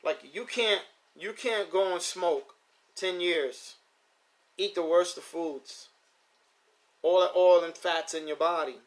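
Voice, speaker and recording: Recorded roughly, this fifty-something man speaks in a high, slow voice with frequent pauses while live-streaming about his pigeons at home near the loft. He keeps it casual and street-style, repeating himself to drive points home.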